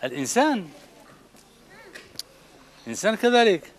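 Lively Algerian man hosting a kids' show. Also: sits high, unhurried. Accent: Algerian Arabic. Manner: cheerful, praising and coaxing children. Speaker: children's TV host. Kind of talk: lively children's TV studio talk.

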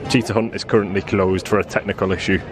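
A man's voice: deep voice, level tone, quick pace, background noise. A middle-aged man chatting casually and commenting for an outdoor theme park vlog. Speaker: vlogger. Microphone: handheld action camera at arm's length. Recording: outdoor camera sound, loud music behind.

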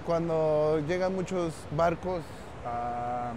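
A Mexican man co-hosting outdoors at a beach, cracking dry deadpan jokes in casual chat. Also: fairly high pitch, slow pace, a little hiss or hum. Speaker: comedian co-host.

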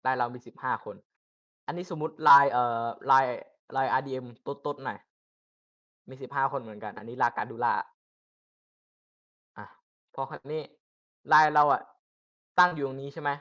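A man's voice: medium pitch, moderate pace, long pauses, fairly bright tone. A young man casually teaching game tactics, rambling with fillers and crude swearing. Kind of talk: casual informal tutorial.

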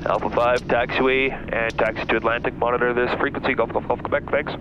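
A man flying as a pilot, making crisp clipped radio calls and checklist callouts through a cockpit headset mic. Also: medium pitch, little pitch movement, fast talker, lo-fi sound. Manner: crisp clipped aviation phraseology. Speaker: airline pilot. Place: aircraft cockpit.

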